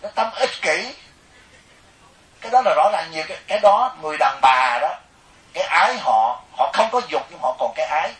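High-voiced Southern Vietnamese monk, echoey hall. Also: male voice, brisk. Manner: animated, jokey, acts out quoted people. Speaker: Buddhist monk giving a dharma talk. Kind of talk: storytelling sermon to a live audience. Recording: echoey hall, mic at a distance.

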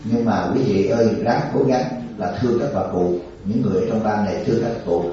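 A man's voice: on the low side, fast talker, warm tone. A man, a Buddhist monk giving an informal dharma talk in a folksy, joking way, often laughing and checking in with his listeners. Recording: distant, echoey, dull lo-fi with faint hiss.

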